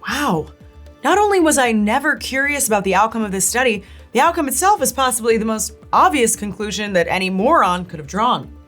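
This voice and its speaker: Woman playing a snide, lively parody news anchor. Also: a little high, brisk, soft background music. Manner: dry, snide, foul-mouthed. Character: cynical, snide female local TV news co-anchor.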